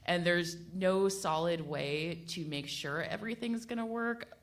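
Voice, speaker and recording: Speaking on the low side at a measured pace, a woman takes part in a live panel discussion at a venue as a radio panelist. Her talk is casual and unplanned, wandering with self-corrections and passing asides.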